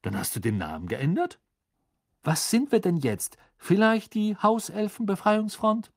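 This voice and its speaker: A man's voice: high voice, sing-song, unhurried, no room sound, studio quality, pitched above the performer's own voice, heavily acted. A man reading an audiobook, voicing a cheeky teenage boy who jokes and teases. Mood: mocking. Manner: teasing, joking. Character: cheeky teenage schoolboy, lazy and joking.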